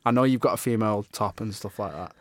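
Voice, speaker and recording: A man's voice: fairly low pitch, fast, no echo, clean studio sound. A man, co-hosting a casual podcast, blunt and full of swearing. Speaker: podcast co-host.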